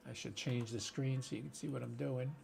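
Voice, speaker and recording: With a steady, slightly mellow medium-pitched voice touched by vocal fry, a ham radio host talks briskly to viewers during an informal live computer demonstration, narrating his thoughts as he works.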